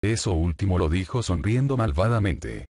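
A man narrating a fan story aloud in a steady reading voice. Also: deep voice, normal speed, breathy edge, dry recording.

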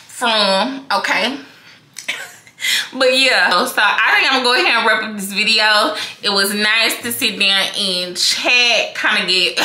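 Vlogger, young woman, Mississippi accent; very bright, sharp tone; big confident personality; echoey room. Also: mid-range voice. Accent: Mississippi Southern. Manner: big, animated and confident, talks straight to viewers. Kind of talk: casual talk to camera.

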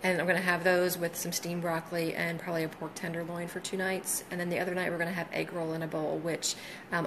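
A woman in her forties films her meal prep in a home kitchen on a handheld phone, chatting to viewers in a friendly way with many ums. Her voice is lowish, and background noise comes through in this casual live walkthrough.

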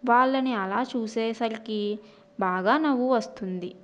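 A woman narrating a children's story in an expressive storytelling manner. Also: a little high, unhurried, highs cut off.

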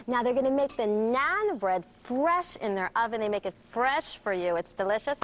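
Woman, 30s, TV food reporter; enthusiastic, slightly high-pitched, studio lapel mic. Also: big pitch swings, normal speed. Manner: bubbly, enthusiastic food descriptions. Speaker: restaurant deals reporter. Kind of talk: TV morning show segment. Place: TV studio set.

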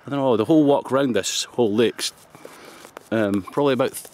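Brisk and darkish in tone, a mid-range-voiced Scottish man in his fifties vlogs while shaving outdoors in a forest. He chats casually to a close camera held at arm's length, often joking and laughing, with a little hiss or hum in the audio.

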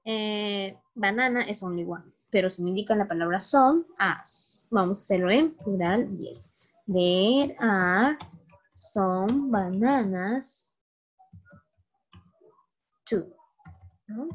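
Very slow-paced woman teaching English. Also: medium pitch. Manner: patient, drills words slowly one by one. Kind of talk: bilingual grammar lesson.

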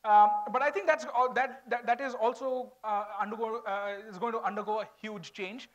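A man's voice: sits high, steady tone, moderate pace, slight background noise. A man in his forties with an Indian accent, giving an informal, conversational talk on stage as a corporate speaker. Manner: informal, switching between English and Hindi. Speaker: corporate HR speaker at a college event. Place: large auditorium stage.

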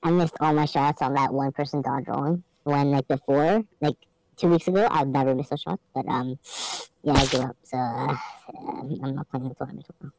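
A woman's voice: very deep voice, fairly even intonation, a little fast, gravelly, darkish tone, low-quality recording. A woman chatting casually while playing a video game, whining and complaining. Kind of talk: casual chat while gaming.

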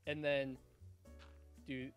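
A man casually chatting while playing a game, thinking aloud and bursting into excited shouts. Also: mid-range voice, drawn-out words. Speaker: gaming channel host. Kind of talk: casual gameplay chat. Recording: light background music.

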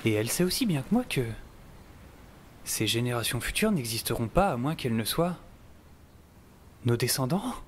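In a mid-range voice close to everyday speech, a man narrates at normal speed, very animated and pausing often, as an optimistic, self-important middle-aged scientist who survived. The scripted first-person audio drama is wry, theatrical and musing, with background music and a little hiss or hum.

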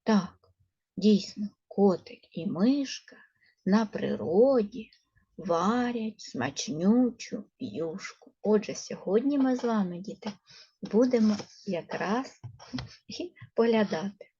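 A woman teacher with a Ukrainian accent takes a first-grade class through a reading lesson, slow and patient as she coaxes the children along. Her voice is mellow and a little husky, and the lo-fi recording sounds dull. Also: mid-range voice, animated. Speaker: primary school teacher.

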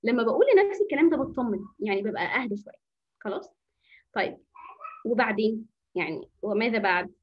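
A woman's voice: fairly high pitch, expressive, fast talker, slightly rough, lo-fi sound. A woman teacher with an Egyptian Arabic accent giving an informal anger-management workshop. She coaches her listeners, asks rhetorical questions and answers them herself, and drops in English phrases. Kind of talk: informal online workshop talk.

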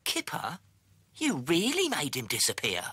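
Very lively British cartoon animal pal. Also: male voice, a little high, measured pace. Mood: puzzled, concerned. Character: childlike, curious cartoon animal friend. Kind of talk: children's cartoon acting. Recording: music behind the voice.

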